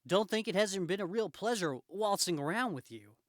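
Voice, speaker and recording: Here a man raises his voice to a high pitch to play a cocky, aggrieved comic-book superhero, reading the book aloud in character. His quippy, theatrical, taunting delivery has lively intonation and a moderate pace, captured cleanly in the studio with no echo.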